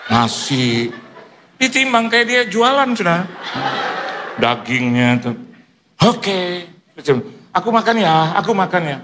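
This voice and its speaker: A man preaching from a church stage, his voice sitting a little high for a man as he spins a comic story. He bounces into quoted asides and laughs along with his own jokes, and a faint hiss runs under the microphone. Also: takes it slowly, pauses often. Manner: animated, joking, mimics others in quoted asides. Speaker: pastor. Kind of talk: sermon with humorous storytelling.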